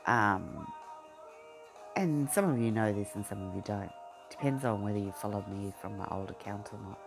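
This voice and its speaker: A vlogger with a broad Australian accent, broadened by living in Queensland, chats casually and rambles off on tangents with plenty of ums and restarts. His voice is fairly low, expressive and creaky at normal speed, while a pop song plays in the background.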